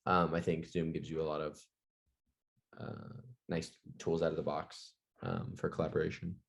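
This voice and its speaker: A man co-hosting a podcast in casual chat, speaking haltingly with many "um" and "like" fillers. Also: a bass voice, flat delivery, vocal fry. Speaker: podcast co-host.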